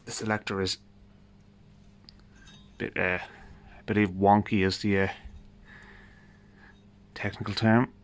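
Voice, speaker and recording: Slow and often pausing, the lowish, flat-voiced Irish host of a radio repair video talks through the work in a garage. A little hiss or hum rides on the handheld phone recording as he thinks aloud informally with wry understatement.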